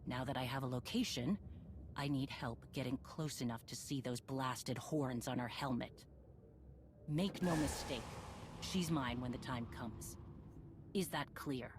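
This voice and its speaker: An actress plays a stern, determined female warrior leader, once a bounty hunter, barking terse commands in a scripted game cutscene. Her rumbling low voice is unhurried and grave and resolute, with clear background noise and ambience.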